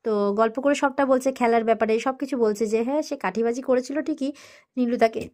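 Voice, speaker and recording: A woman with a Bengali accent retells a serial episode in a casual, rapid flow. Her voice sits a bit high, and she slips in and out of the characters' quoted lines, lifting or dropping her pitch for each. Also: darkish tone. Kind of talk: casual storytelling recap.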